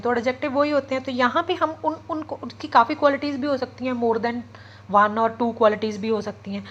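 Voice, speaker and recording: A woman's voice: sits high, a bit bright, highs cut off. Female teacher explaining grammar step by step. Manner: explains step by step, often checks with "ठीक है" and "okay"; mixes English terms into Hindi. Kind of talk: classroom lecture.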